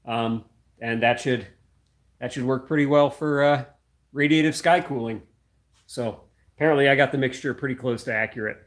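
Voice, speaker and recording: Young male maker, mid-pitched voice, loose unscripted chat while tinkering at the bench. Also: moderate pace, long pauses. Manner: rambling, thinking aloud with many fillers; working hands-on while talking. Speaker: maker hosting a livestream. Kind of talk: casual livestream chat. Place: home workshop.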